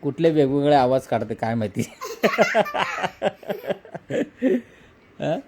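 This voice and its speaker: A man in his thirties, a father and vlog host, gently and playfully questioning his small daughter in a casual home video. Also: sits high, animated, normal speed, noisy background.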